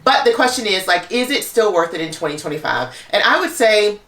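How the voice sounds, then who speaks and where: A woman's voice: fairly low pitch, sing-song, a little fast, fairly bright tone, roomy sound. A woman talking casually to camera as a luxury handbag YouTuber, chatty and full of "like" fillers.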